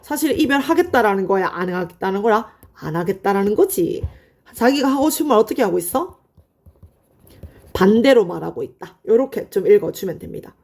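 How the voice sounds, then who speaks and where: A woman teaching high school literature in an online lecture, explaining in a friendly, chatty way and answering her own questions. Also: lively intonation, a little fast, darkish tone. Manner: asks students questions and answers them herself.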